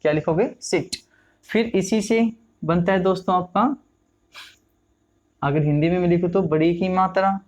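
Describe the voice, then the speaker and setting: A man, teaching English pronunciation, repeating example words slowly. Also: high-pitched. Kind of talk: classroom lesson.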